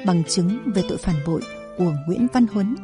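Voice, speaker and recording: A woman's voice: medium pitch, moderate pace, over music, lightly acted. Woman voicing a defiant old-time woman general. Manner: defiant, solemn speech. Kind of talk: storybook narration.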